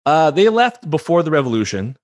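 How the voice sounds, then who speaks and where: A man's voice: fairly high pitch, sing-song, fairly quick, dry recording. A chatty American man, about thirty to forty, raised in the San Francisco Bay Area, talking casually as an interview guest and often repeating words as he starts a thought. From United States, San Francisco Bay Area.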